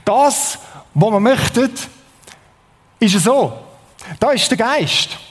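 Swiss preacher with a high voice in a reverberant hall. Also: male voice, expressive, drawn-out words. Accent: Swiss German. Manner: conversational, asks the audience questions. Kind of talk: sermon.

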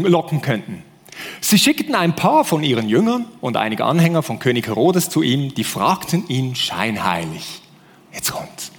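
A man's voice: fairly high pitch, in a large hall. A man with a Swiss German accent preaching a sermon, who acts out fake enthusiasm in playful voices. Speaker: pastor.

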